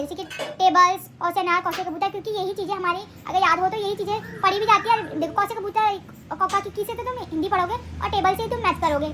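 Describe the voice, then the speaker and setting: A young woman vlogging casually at home on a handheld phone, rambling and correcting herself as she talks. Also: very high voice. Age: young adult. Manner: rambling, chatty, self-correcting. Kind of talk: casual home vlog chat. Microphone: handheld phone camera.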